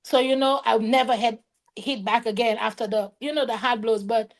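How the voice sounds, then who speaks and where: A woman's voice: a little high, steady tone, moderate pace. A woman on a live-streamed roundtable, speaking emphatically and defiantly about her own experiences. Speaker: panelist, domestic violence survivor. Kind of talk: roundtable discussion.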